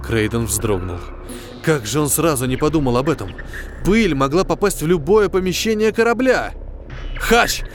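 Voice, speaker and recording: A man's voice: on the high side, lively intonation, normal speed, a little hiss or hum. A man reading dramatic science fiction narration as an audiobook narrator. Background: faint music.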